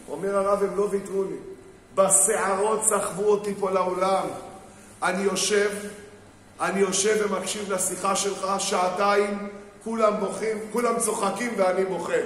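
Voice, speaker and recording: A man giving a rabbi's sermon on marriage to a live audience, telling stories, acting out the people in them and putting questions to the crowd. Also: high-pitched. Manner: storytelling, acts out quoted people, asks the crowd questions. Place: synagogue hall with an audience. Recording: very echoey hall, faint background noise.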